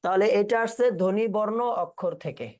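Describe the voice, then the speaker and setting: A man's voice: high-pitched, fairly quick, darkish tone. A man teaching an exam-prep class, quizzing students and repeating their answers back in a casual way.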